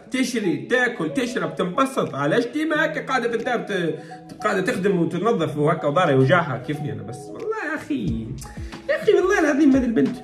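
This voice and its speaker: A man's voice: sits high, a bit bright. A man hosting a video reaction, talking playfully and teasing with frequent laughs. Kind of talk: casual reaction commentary. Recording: roomy sound with background music.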